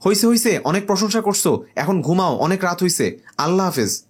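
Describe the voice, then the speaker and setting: A man's voice: high-pitched, big pitch swings, normal speed, husky, voice pushed up, exaggerated voice. A man voicing a young male jinn who makes TikTok videos, talking in a petulant, bantering way in a storybook comedy.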